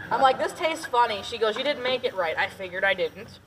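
Medium-pitched, expressive and a bit bright, the woman's voice moves at a measured pace as she leads a boat tour on an underground cave lake. She's a joking, giggly talker from Detroit, Michigan, partly raised in Tennessee, full of stories. A passenger's distant camera picks her up with slight background noise and surrounding chatter.

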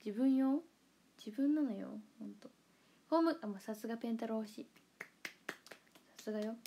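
A young idol livestreamer from Kansai, Japan, speaks at a normal pace in a fairly high but dark voice with vocal fry, over slight background noise. She reads comments aloud in a Kansai accent, chatting playfully with frequent giggles and murmured asides.

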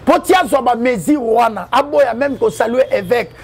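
A man's voice: extremely high pitch, moderate pace, gravelly, slightly rough. A man, talking in an interview with a preachy manner and quoting the Bible. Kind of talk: interview mixing French and Lingala.

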